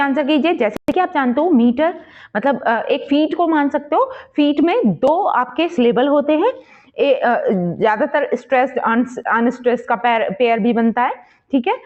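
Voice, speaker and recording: Lively high-voiced woman teaching literature. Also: muffled recording. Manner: explains step by step, poses quiz questions and checks in with "ठीक है"; reads English passages slowly and carefully. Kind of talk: exam-prep lesson in Hindi-English mix.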